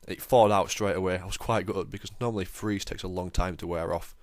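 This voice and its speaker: A young man talks through his game in a relaxed, self-deprecating way, as the host of his own channel. His voice sits very low, and the sound is close and dry with no room to it. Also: brisk, no room sound. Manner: chatty, self-deprecating, lightly excitable. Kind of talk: casual game commentary voice-over.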